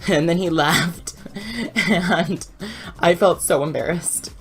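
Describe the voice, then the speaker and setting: A woman's voice: on the low side, steady tone, slow pace, faint music behind. A young woman telling a chatty, rambling story as a voice-over, laughing often. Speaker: YouTuber.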